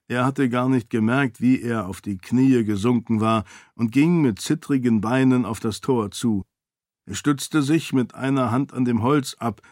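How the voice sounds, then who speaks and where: Guy reading an audiobook, mid pitch, steady, dry close sound. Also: no room sound. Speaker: audiobook narrator. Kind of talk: scripted narration.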